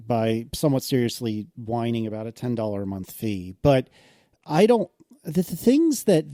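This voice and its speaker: A man's voice: mid-range voice, mellow, no room sound, studio quality. A man co-hosting a casual podcast, wry and self-deprecating, disagreeing with the others. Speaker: podcast co-host. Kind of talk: casual tech podcast chat.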